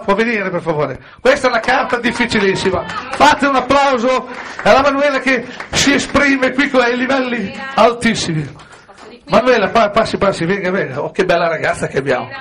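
A man's voice: extremely high pitch, expressive, normal speed, a bit bright. A man doing stand-up comedy on stage, firing punchy jokes at a live audience. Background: audience laughter.

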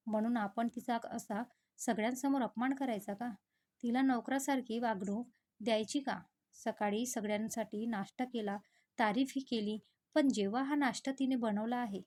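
A woman voicing a protective, quick-tempered young husband who talks in heated, drawn-out pleas. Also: fairly high pitch, darkish tone, natural voice.

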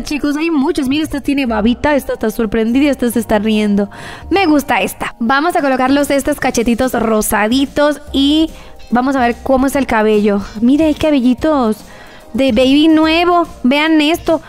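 A young woman giving bubbly, gushing commentary on a mobile game, using many diminutives and talking straight to her viewers. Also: sits high. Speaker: gaming YouTuber.

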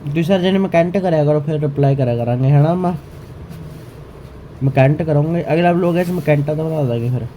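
A man's voice: on the high side, fast, warm tone. A man hosting a casual vlog, addressing viewers and bickering playfully in a teasing way. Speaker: vlog host. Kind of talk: casual chat to viewers and game banter. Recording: background noise, home ambience.

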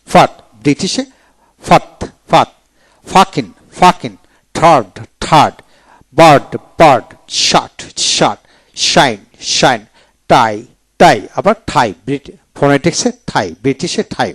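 A man teaching English pronunciation in a video lecture, spelling letters out and repeating each word slowly. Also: a little high, lively intonation, a bit bright, no room sound. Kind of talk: video lecture, drilling words aloud.

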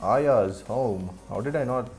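A man's voice: mid-range voice, slow, a little mellow, soft background music. Chatty Indian man streaming gameplay. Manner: chatty, laughs often, answers chat. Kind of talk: casual gameplay commentary.

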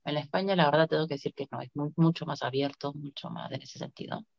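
A gravelly, low-pitched voice belongs to a middle-aged woman from Latin America who speaks fast and steadily as an informal interview guest. The video call from an indoor room is captured by the device mic with dull, lo-fi quality.

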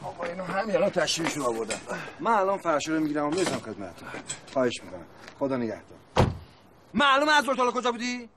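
A man's voice: a little high, big pitch swings, background noise. A man playing an irate customer who demands his carpets back, in a sitcom scene. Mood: polite. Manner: indignant, demanding, shouting. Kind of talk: TV sitcom acting.

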